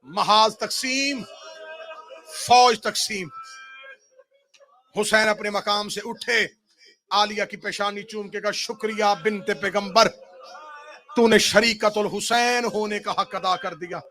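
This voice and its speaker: A man with a Pakistani Urdu accent giving a Muharram majlis sermon, crying out in lament and then dropping to hushed, weeping narration. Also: high voice, fairly even intonation, pauses often. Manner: wailing, swings from shouted cries to hushed weeping delivery. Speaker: Shia majlis orator.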